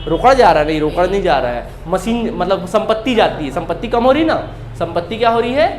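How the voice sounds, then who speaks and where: A man's voice: sits high, big pitch swings, fast, roomy sound, soft background music. A male accountancy teacher giving a classroom lecture, firing questions at students and answering them himself, repeating key terms.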